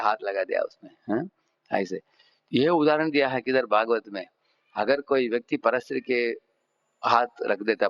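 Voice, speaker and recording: A man's voice: mid-range voice, fairly bright tone. A man giving a devotional lecture and telling a story, often checking in with the audience. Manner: checks in with the audience, asking "hmm?" and "right?". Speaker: devotional speaker. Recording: slightly dull lecture recording.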